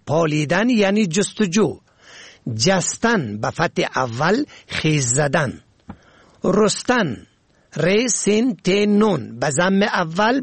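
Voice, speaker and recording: Man, slightly high voice, husky, spells words out slowly for a scripted radio lesson. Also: dry recording. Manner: slow and careful, spelling words letter by letter. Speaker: radio presenter.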